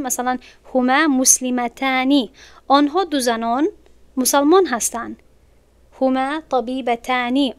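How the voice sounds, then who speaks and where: A woman with a Tajik-accented Persian teaching an Arabic grammar lesson online, explaining patiently step by step and repeating words slowly. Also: high voice, clean tone.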